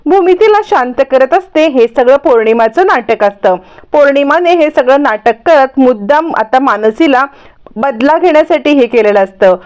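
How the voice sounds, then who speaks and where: A high-pitched woman briskly recapping a soap episode in scripted narration. She keeps a steady storyteller's pace and voices each character's quoted lines herself.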